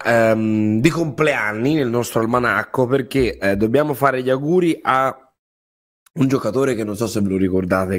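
A man's voice: mid-range voice, a bit bright, no echo. Guy hosting sports radio, chatty, stumbles and restarts, mid voice, really dry close mic. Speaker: radio host. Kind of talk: conversational sports radio presenting.

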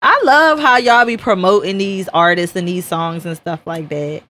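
A woman's voice: lowish voice, moderate pace, a bit bright. An American woman co-hosting a podcast with casual, playful, slangy banter. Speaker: podcast co-host. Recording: faint background noise.

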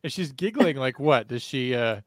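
A man's voice: mid-range voice, expressive, normal speed, dry recording. A man in his thirties hosting a casual podcast, rambling and teasing his guests with jokey questions. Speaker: podcast host.

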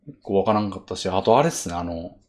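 A man with a Kansai accent hosts a relaxed talk podcast, full of enthusiasm and easy laughter. His fairly low voice rises and falls with plenty of expression. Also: fast. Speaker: podcast host. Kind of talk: casual chat.

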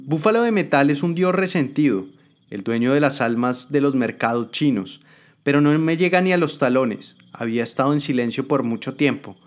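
A man's voice: mid-range voice, animated, normal speed, close to an everyday voice. A man voicing a cruel, ruthless woman politician who taunts and threatens, in a dramatic spoken story. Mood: scornful. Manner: taunting, contemptuous.

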